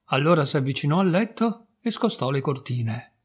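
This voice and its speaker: A man calmly reading a fairy tale aloud in a measured storytelling manner. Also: fairly high pitch, slightly rough. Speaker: narrator. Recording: soft background music.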